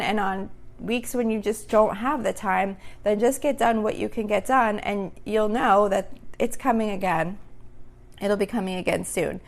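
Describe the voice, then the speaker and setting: Hosting a casual podcast on her own, this woman rambles along with frequent fillers such as "um" and "like." Her creaky voice sits at a medium pitch and sounds a bit worn, like it's beginning to give out.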